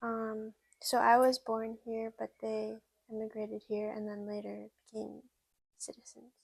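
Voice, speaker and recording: A young woman interviewed for a documentary, speaking in a measured way. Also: a little high, completely flat delivery, gravelly, dry recording. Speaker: student interviewee.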